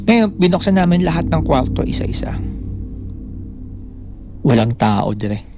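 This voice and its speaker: Man, slightly high, gravelly voice, animated storyteller, loud music bed. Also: a little slow. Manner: animated storytelling, acting out quoted lines. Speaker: podcast co-host. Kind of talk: casual storytelling chat.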